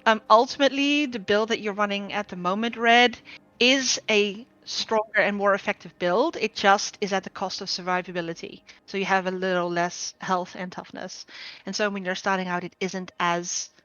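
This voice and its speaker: A woman guild trainer explaining a game build over group voice chat, steady and explanatory with frequent ums. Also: mid-range voice, moderate pace, no echo. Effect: group voice chat audio. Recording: dull lo-fi voice chat mic.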